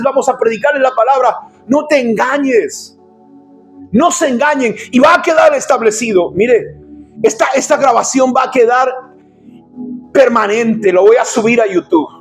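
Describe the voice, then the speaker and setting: A man preaching an impassioned sermon as pastor, often shouting and addressing listeners as brother. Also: extremely high pitch. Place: church.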